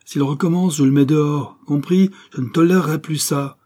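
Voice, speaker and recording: A man's voice: mid-range voice, fairly quick, warm tone, breathy edge, pitched above the performer's own voice, close to an everyday voice. A man voicing a harsh, bullying middle-aged husband who growls and hammers his words. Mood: blustering.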